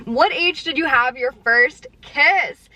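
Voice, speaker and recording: A woman's voice: high voice, takes it slowly, pushed and bright. A young adult woman chatting candidly with viewers while eating, filling her talk with "like". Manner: chatty and candid, heavy use of "like"; talks while eating, sometimes with mouth full. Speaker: vlogger answering viewer questions. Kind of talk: casual chat.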